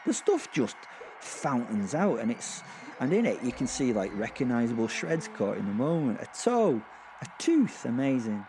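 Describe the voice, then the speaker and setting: A man with a warm, mid-range, very animated voice talks at normal speed against slight background noise. In a horror audio drama he plays a sadistic werewolf killer full of glee, narrating in a thrilled, rambling, chatty way with hesitant, amused understatement.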